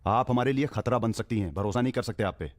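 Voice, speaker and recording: An actor dubbing a blunt, tough crime partner who gives curt orders in a film. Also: male voice, medium pitch, fast talker, close to an everyday voice. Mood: wary. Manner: curt, commanding. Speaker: partner in a dubbed action film.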